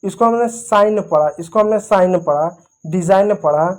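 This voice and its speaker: A woman's voice: medium pitch, moderate pace, darkish tone. A woman teaching English spelling rules, patiently repeating each point and spelling words out letter by letter.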